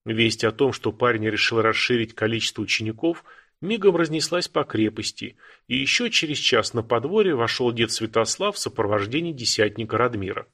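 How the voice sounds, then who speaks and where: A man narrating an audiobook in a steady storytelling manner. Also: medium pitch, a little fast. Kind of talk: scripted narration.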